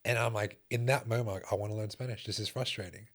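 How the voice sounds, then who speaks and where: A young man with a fairly low voice talks in a casual podcast chat. He tells personal stories with raw emotion and curses freely, like a fitness coach opening up. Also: steady tone, fast talker, a bit bright. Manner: emotional storytelling with frequent swearing.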